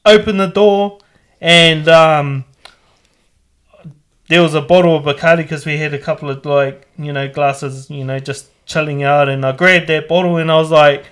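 Laid-back high-voiced young man. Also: fairly even intonation, normal speed, fairly bright tone, clean tone. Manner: laid-back, rambling, swears freely. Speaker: storyteller. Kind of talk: casual chat.

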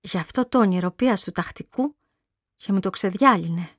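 A woman reading aloud plays an anxious older mother from Crete, talking eagerly and hopefully to her sick daughter. Her voice is mid-pitched and close, with a dry storybook-reading sound. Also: a bit bright, husky, dry recording.

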